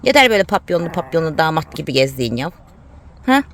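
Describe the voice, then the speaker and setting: A mother vlogging casually, coaxing and calling to her dog in a high sing-song voice. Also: big pitch swings, fast talker, slight background noise. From Turkey. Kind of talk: casual family vlog.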